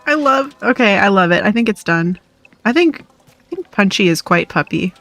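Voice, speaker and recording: A woman's voice: medium pitch, lively intonation, normal speed, fairly bright tone. A woman streamer chatting casually and playfully to her viewers while playing a game, often laughing. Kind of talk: casual live-stream chat while gaming. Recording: dry close mic with faint music.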